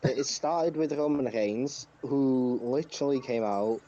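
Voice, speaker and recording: A podcast co-host with a warm mid-range voice talks a little slowly through a casual wrestling review, stressing his points and swearing now and then. A dull lo-fi mic picks him up, and background noise is clearly audible.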